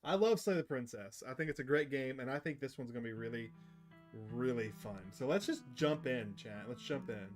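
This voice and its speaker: A man hosting a gaming livestream chats casually and enthusiastically with viewers, speaking fairly quickly in a medium-pitched voice as game music plays behind him.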